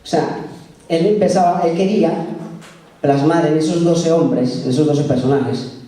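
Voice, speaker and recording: A man gives a casual sermon and keeps asking his listeners questions. His voice is mellow and a little high for a man. He is picked up a distance in a very echoey meeting room. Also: a little slow. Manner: conversational, asks the congregation questions. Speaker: preacher.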